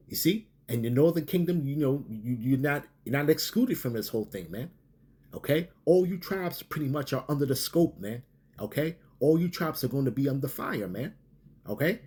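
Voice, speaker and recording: A man teaching his religious group in a sermon-style talk, halting and full of fillers, often tagging lines with okay and man. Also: medium pitch, animated, darkish tone, slightly rough.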